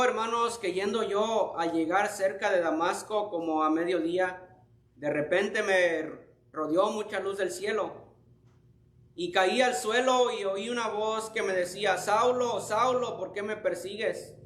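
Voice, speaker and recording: A man's voice: high-pitched, a bit bright. A man playing an awed, fervent apostle. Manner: fervent first-person retelling, slow and emphatic. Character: the apostle Paul, adult man, earnest and awed. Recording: roomy echo.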